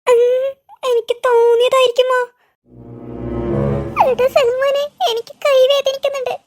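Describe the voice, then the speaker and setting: A voice artist with a Malayali accent playing jittery, easily frightened young boys in a cartoon, chattering fast and wailing in fright. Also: extremely high pitch, flat delivery, soft background music. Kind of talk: cartoon voice acting.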